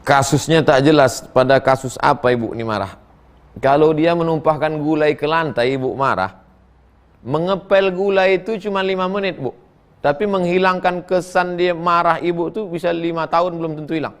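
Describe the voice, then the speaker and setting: Speaking at a normal speed in a fairly high voice, a middle-aged man preaches a humorous sermon built around audience questions. He answers with folksy jokes and lively storytelling.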